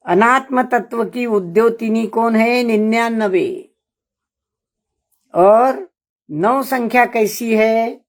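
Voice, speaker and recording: A woman lecturing on a religious epic poem, explaining slowly and deliberately and repeating phrases for emphasis. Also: mid-range voice.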